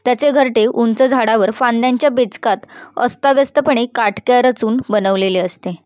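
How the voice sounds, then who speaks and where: A woman voicing a calm, knowledgeable male forest guide who explains things steadily and firmly in an audiobook story. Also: on the high side, moderate pace, no echo, natural voice. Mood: informative.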